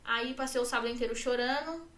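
Young Brazilian woman, 18, fairly high voice, rapid run-on storytelling, echoey room. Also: fairly bright tone, recorded from a distance. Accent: Brazilian Portuguese. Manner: rapid, run-on telling with many fillers and repeats. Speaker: podcast guest. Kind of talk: personal storytelling in an interview.

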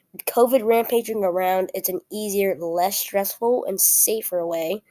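A young woman, sick and weak-voiced, talking casually and haltingly as she hosts a solo student podcast from home. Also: medium pitch, dark tone. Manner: halting, self-correcting, apologetic.

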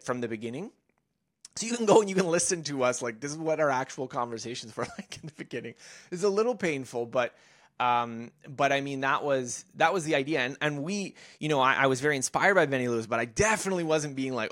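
A man's voice: mid-range voice, a bit bright. A man in his thirties, a podcast guest telling a long story in casual conversation, with many fillers and restarts. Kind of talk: conversational interview.

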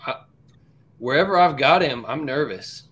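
A man's voice: mid-range voice, animated, moderate pace, a bit bright. A man on a sports podcast panel giving casual football analysis over some background noise.

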